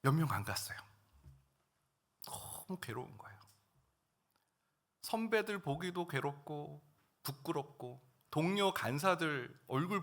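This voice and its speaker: A middle-aged male pastor preaching a sermon, telling a personal story and swinging between hushed and loud moments. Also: a little high. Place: church sanctuary.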